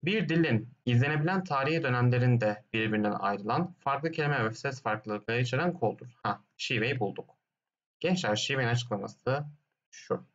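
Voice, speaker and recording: In an exam walkthrough lesson, this teacher takes each question in turn, poses his own questions and answers them, and hums "dın dın dın" as he moves between points. He speaks at a moderate pace with a medium, slightly bright voice over dull audio.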